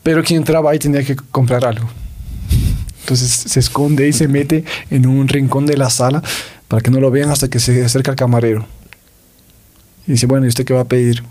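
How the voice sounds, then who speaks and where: A man co-hosting a religious podcast, retelling a saint's story in a casual, animated way with quoted voices and many fillers. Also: medium pitch, normal speed, long pauses. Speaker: podcast co-host.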